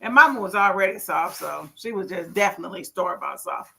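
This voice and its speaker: A middle-aged woman hosting a casual live stream, telling animated stories and reading viewers' comments aloud with folksy asides. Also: fairly low pitch, brisk, creaky. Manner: animated storyteller, laughs often, folksy asides. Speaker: livestream host.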